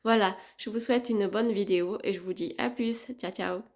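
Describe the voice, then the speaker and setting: A woman's voice: mid-range voice, steady tone, normal speed, darkish tone. A woman chatting casually in a home vlog, showing her plants to viewers. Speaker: gardening vlogger. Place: at home by a window.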